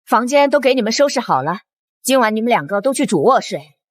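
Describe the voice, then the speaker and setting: A woman's voice: on the high side, sing-song, brisk, no echo, clean studio sound. A woman playing a protective, bossy middle-aged mother-in-law in a drama, scolding sharply. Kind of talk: TV drama acting.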